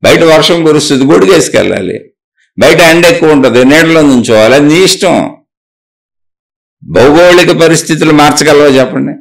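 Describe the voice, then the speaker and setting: A man's voice: fairly high pitch, expressive, normal speed, gravelly, low-quality recording. A man giving a spiritual discourse, firing off rhetorical questions and scolding his listeners. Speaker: spiritual teacher.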